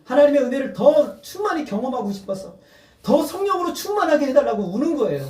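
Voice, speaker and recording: High-voiced man preaching in an echoey hall. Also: sing-song, fast talker, darkish tone. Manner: earnest, rising to emphatic appeals with laughter. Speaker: pastor. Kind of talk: sermon. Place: church sanctuary. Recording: echoey church hall, mic at a distance.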